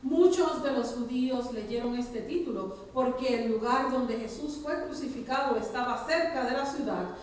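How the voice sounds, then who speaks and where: A woman reading scripture aloud at a church service, measured and solemn. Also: on the high side, a little hiss or hum. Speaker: scripture reader. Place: church sanctuary. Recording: very echoey church hall, mic far off.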